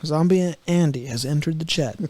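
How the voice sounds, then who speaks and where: A man's voice: fairly high pitch, moderate pace, noisy background. A man co-hosting a podcast, in casual comedic chat that rambles, swears freely and breaks into laughter. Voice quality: profane, rambling, laughs often. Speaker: podcast co-host.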